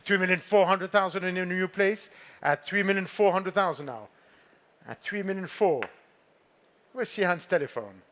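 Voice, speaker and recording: Male fine art auctioneer, high register, formal and composed, repeating bids and courteously nudging bidders during a live sale. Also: moderate pace, fairly bright tone. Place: auction saleroom with bidders present.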